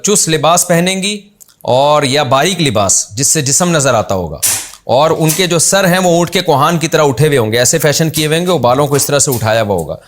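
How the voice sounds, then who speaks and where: A man giving an informal, scolding religious lecture, often mimicking others in sudden high-pitched quotes. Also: expressive. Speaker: Islamic scholar giving a sermon.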